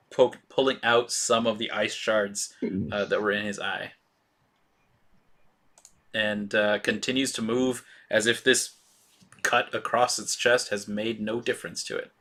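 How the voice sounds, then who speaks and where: A man running a tabletop role-playing game as game master, describing scenes in a halting way with many fillers. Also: lowish voice, little pitch movement, bright, forceful tone.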